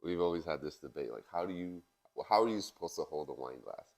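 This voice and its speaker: A young man co-hosting a casual podcast, relaxed and teasing, laughing easily. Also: deep voice, fast talker. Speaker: podcast co-host. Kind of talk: casual chat.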